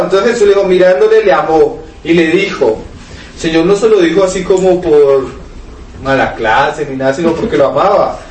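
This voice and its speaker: A man preaching a sermon, asking rhetorical questions and reading scripture aloud to his listeners. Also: sits high. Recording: echoey room, mic at a distance, faint noise.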